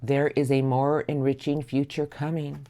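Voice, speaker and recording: A woman's voice: deep voice, level tone, mellow. A woman giving a soothing, affirming tarot reading, speaking in an encouraging spiritual tone. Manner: soothing, affirming, drawn-out emphasis. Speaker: tarot reader.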